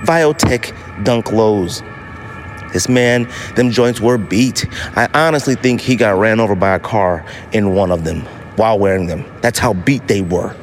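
At a measured pace and with a fairly low pitch, an American man hosts his own casual podcast. His delivery is slangy and emphatic, full of repeated phrases for effect, and a bit of background noise is audible.

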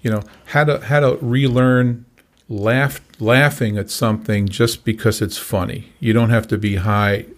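A man's voice: medium pitch, steady tone, measured pace. A man in his sixties, a recovery coach, telling his story in casual conversation with many fillers and restarts. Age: 60s.

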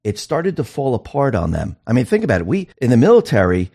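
A man's voice: mid-range voice, wildly swooping pitch, quick pace, vocal fry, dark tone, breathy edge. A man hosting a casual political conversation, making his points in emphatic, repetitive short statements. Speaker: interview host.

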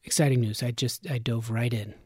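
A man's voice: mid-range voice, steady tone, fairly quick, darkish tone, slightly rough, no room sound. A man hosting a podcast in a studio, talking in a casual, rambling way and laughing often. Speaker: podcast host.

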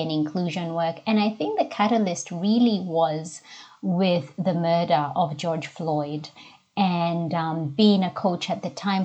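A middle-aged woman speaks with a softened Kenyan accent in a lowish voice. She talks as an interview guest, reflective and measured, building her thoughts phrase by phrase. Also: highs cut off. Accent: Kenyan, softened by years in Australia. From Nairobi, Kenya. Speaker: interview guest, diversity and inclusion coach. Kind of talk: conversational interview answers, personal story.

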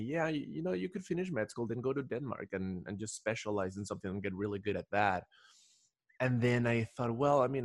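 A man from Ecuador talks casually as a guest on a podcast, telling rambling stories full of restarts. His voice is medium in pitch, and the studio-quality recording is dry.

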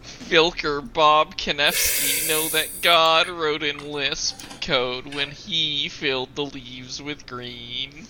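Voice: mid-range voice, steady tone, slow, few pauses, pushed and bright, slight background noise, rough recording. A person doing a pompous pedantic nerd. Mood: lecturing. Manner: stiff, lecturing, overly formal.

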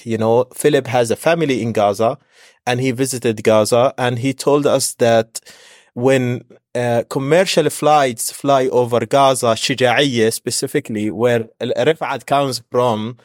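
A man co-hosting a podcast, introducing guests in a measured way with frequent fillers. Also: mid-range voice, dry recording, clean studio sound. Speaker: podcast co-host.

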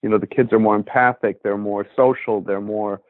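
A man's voice: fairly low pitch, fairly even intonation, fairly quick, no echo. A man who trains dogs, talking casually on a podcast, rambling with many fillers. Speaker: dog trainer and podcast host. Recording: tinny phone line.

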